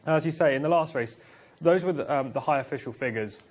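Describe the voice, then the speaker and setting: A man's voice: fairly high pitch, fast. A man in a racing studio analysing the runners' form and ratings with confident, detailed reasoning. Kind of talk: live racing broadcast analysis.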